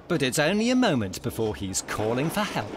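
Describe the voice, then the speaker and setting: A man's voice: mid-range voice, wildly swooping pitch, fairly quick. A man reading scripted narration as the narrator of a documentary. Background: loud background music.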